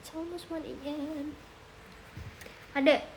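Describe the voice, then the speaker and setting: A young Indonesian woman chatting on a phone livestream with a high voice. She talks at an unhurried pace and drops into cooing baby talk for her cat. A faint hiss sits under her voice. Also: steady tone. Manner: coos and baby-talks to her cat, reads chat aloud. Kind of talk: casual live stream chat.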